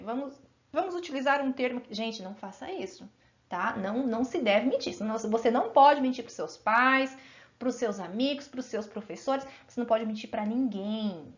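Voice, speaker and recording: A woman teaches a children's grammar lesson in a high, bright-toned voice, stretching each example word out slowly. She keeps checking that her pupils follow along, and the recording sounds somewhat dull and lo-fi. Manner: encouraging, asks pupils frequent check-in questions.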